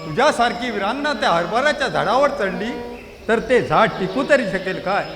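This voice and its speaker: An actor playing a gallant young warrior hero who speaks in a courtly, affectionate way in a musical stage drama. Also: male voice, sits high, lively intonation, brisk. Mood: tender. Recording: echoey hall, music and tabla behind.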